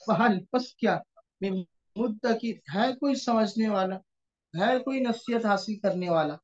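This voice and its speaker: A man's voice: high-pitched, measured pace. A man teaching an online grammar lesson, explaining patiently and often checking in with his students, over a computer mic on a video call. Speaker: Quranic Arabic teacher. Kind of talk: online class lecture. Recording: dull lo-fi online class audio.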